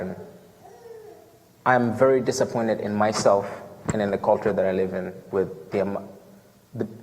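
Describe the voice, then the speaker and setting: A man with a Ghanaian accent sharing a personal testimony in a church, earnest and halting, with many restarts. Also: fairly low pitch, creaky, darkish tone, big-room sound, slight background noise. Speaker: church member giving a mission trip report. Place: church hall.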